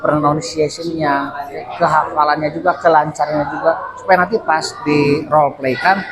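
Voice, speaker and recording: A man's voice: on the high side, steady tone, moderate pace. A man with a Sundanese accent teaching English in a classroom, coaching students and repeating words for them to drill. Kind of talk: classroom instruction. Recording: noisy classroom with chatter. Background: student chatter.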